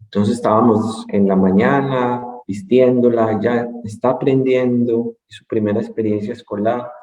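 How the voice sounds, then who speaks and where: A man lecturing in a calm, explanatory way, circling back to stress his main points. His voice sits at a middle pitch and echoes around the room he is speaking in. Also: unhurried. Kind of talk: conference lecture. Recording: roomy echo.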